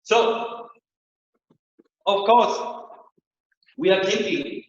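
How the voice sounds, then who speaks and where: A man teaches an online rehabilitation therapy workshop from indoor rehab center rooms, explaining exercises in plain, simple phrasing. His voice sits high, with lively intonation and drawn-out words. The very echoey room and slight background noise give a muffled, dull lo-fi sound.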